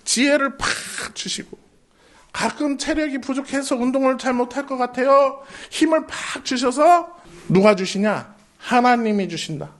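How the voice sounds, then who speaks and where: A man preaching a lively sermon as a junior pastor, telling the story with animated questions to his listeners. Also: very high voice, normal speed.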